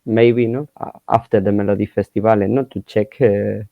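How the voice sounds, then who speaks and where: A man hosting an interview in halting, courteous non-native English, with many hesitations. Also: lowish voice, steady tone, vocal fry, no room sound, narrow, tinny audio.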